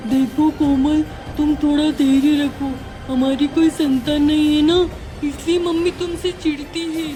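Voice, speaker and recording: A woman voicing a caring young husband in an animated story, consoling his wife. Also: high-pitched, measured pace, music in the background, low-quality recording. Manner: concerned, consoling.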